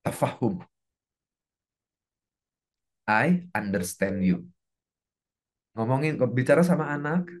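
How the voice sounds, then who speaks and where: A man coaching a class in an earnest religious self-development talk, speaking straight to his listeners and dropping at times into hushed, slow prayer-like passages. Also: medium pitch, breathy edge. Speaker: motivational coach teaching a class.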